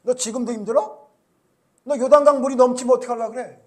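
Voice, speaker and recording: A man's voice: extremely high pitch, fairly even intonation, fast talker, voice pushed up. A male pastor voicing God as a stern, demanding figure who challenges a prophet with blunt, chiding questions during a sermon.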